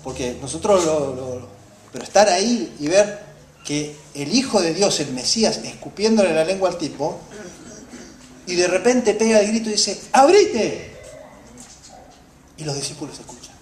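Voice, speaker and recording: A woman preaches, her voice rising and falling widely between ringing exclamations and hushed asides. She questions the congregation as she goes. The sound carries the echo of a roomy church hall. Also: lowish voice, animated, moderate pace. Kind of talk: sermon.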